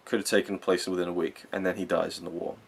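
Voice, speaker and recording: A man's voice: low voice, little pitch movement, fast talker, gravelly, slightly rough. A young man giving a casual, rambling, earnest film review, swearing now and then and getting openly emotional.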